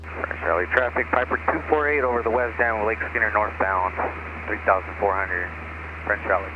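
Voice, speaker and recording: A man's voice: lowish voice, steady tone, a little fast, narrow, tinny audio. A man who is another pilot, heard over the aircraft radio, calling his position. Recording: thin radio line over loud cockpit noise.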